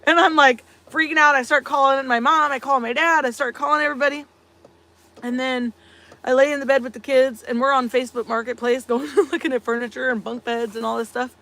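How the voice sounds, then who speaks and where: Bright, chatty woman telling stories. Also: sits high, steady tone, brisk. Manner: chatty storyteller, laughs often, many fillers. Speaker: live-stream co-host. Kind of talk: casual chat.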